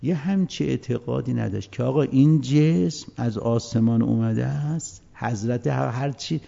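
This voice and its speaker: A man giving a colloquial religious lecture, moving between hushed asides and emphatic, raised passages, on a dull lo-fi recording. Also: mid-range voice, vocal fry.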